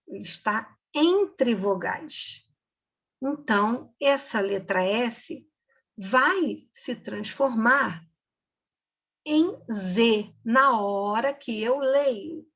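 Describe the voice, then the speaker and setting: A woman teacher giving a slow, patient recorded reading lesson for children, repeating words and checking in with "ok?". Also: a little high, gravelly, husky.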